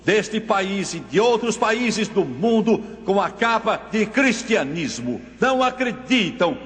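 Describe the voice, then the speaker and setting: Slow, solemn preaching man. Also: high voice, sing-song, fairly bright tone, long reverb tail. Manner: slow, solemn, dramatic storytelling. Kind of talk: dramatic sermon.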